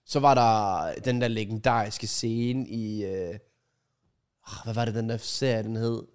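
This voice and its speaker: A man's voice: lowish voice, fairly even intonation, clean tone. A young adult man with a Danish accent, chatting casually and anecdotally with slang and some swearing. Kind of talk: casual chat.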